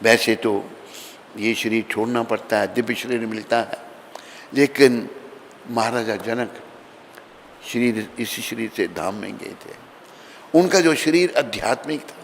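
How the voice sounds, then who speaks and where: A man's voice: fairly low pitch, unhurried, creaky, long pauses. Man preaching in a reverberant hall. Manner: earnest, addresses listeners with calls and chants. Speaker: spiritual teacher. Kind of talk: devotional sermon with storytelling. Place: temple hall during morning worship. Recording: long reverb, faint background noise.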